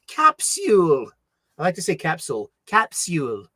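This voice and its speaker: A middle-aged Bostonian hosting a livestream chats casually in a little high voice whose pitch swoops wildly, at normal speed. His rambling, mumbled talk is full of fillers and restarts, and the pushed, bright sound is studio quality with no echo.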